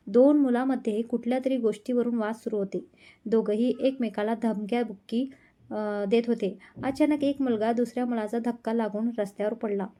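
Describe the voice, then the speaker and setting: A woman narrating an emotional love story in a steady, scripted storytelling manner. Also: a little high.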